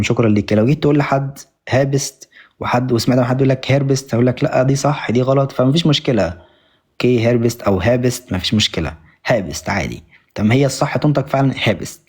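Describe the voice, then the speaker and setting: A young Egyptian man teaching German on a live stream, repeating each word over and over and thanking viewers often. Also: medium pitch. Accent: Egyptian Arabic. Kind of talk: live-stream language lesson.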